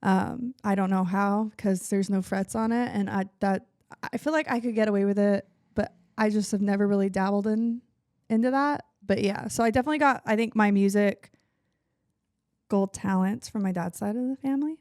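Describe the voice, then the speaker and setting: A young woman country singer with a raspy, low voice, chatting casually as a guest and trailing into vocal fry at the ends of sentences. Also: normal speed, a little mellow, no room sound, studio quality. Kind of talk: casual chat.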